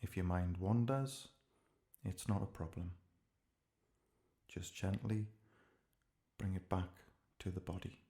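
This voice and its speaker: Speaking gently in short phrases with pauses between, a man steadily guides a relaxation meditation. His voice sits low.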